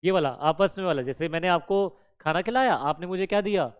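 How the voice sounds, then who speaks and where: A man's voice: high-pitched, a little fast, smooth. A male law teacher giving a classroom lecture, quizzing his students with questions, answering them himself, and switching between Hindi and English terms. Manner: addresses students fondly as kids.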